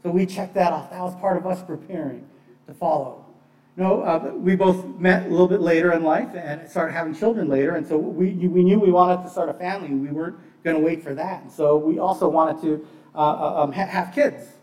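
A fairly high-pitched, darkish voice, a little fast, comes from far off the mic in an echoing room. It belongs to a middle-aged pastor preaching earnestly and conversationally, with personal testimony and phrases repeated for emphasis. He was born in Bangladesh, with part of his childhood spent in Pakistan in a missionary family.

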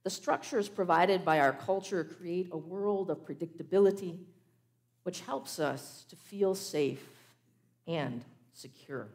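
A woman preaching a sermon, telling a story in a measured way and slowing down on key phrases. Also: fairly low pitch, darkish tone.

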